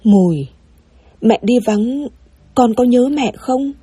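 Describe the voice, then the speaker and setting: A woman voicing a young mother gently coaxing her little son in a storybook tale. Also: on the high side, takes it slowly, breathy edge, no room sound. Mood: soothing. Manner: soothing, coaxing.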